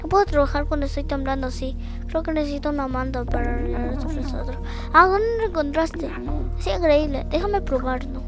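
A woman's voice: high-pitched, brisk. A woman reading out the lines of a shivering robot repairman in a video game, matter-of-fact. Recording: game music playing behind.

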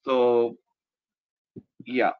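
Slow-paced man, dull lo-fi audio. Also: mid-range voice, level tone, clear, resonant tone. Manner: halting, frequent "you know" and "right?" tags. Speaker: presenter, trainer. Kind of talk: explanatory slide presentation.

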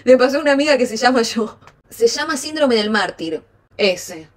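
A woman's voice: on the high side, animated, normal speed. A young woman with a Rioplatense Spanish accent giving frank, slangy advice to her chat on a casual live stream.

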